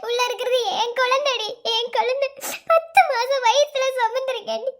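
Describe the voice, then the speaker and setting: A tearful young cartoon mother , voiced by a performer, in a very high, thin voice. She begs and repeats herself, frantic over her sick child. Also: steady tone, moderate pace, a bit bright.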